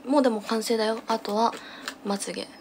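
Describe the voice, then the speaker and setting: A woman's voice: a little high, fairly even intonation, a little fast. A young woman chatting casually on a livestream while busy getting ready, muttering short, absent-minded fragments to herself and her viewers. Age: young adult. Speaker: live streamer. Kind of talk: casual livestream chat while doing makeup. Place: small room at home, indoors. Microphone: phone at arm's length. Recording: clearly noisy home phone recording.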